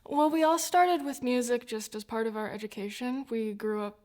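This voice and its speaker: With a somewhat high, slightly mellow voice at a moderate pace, the twenty-something violinist muses in a documentary interview. She's from New Zealand, grew up in the US, and laughs often.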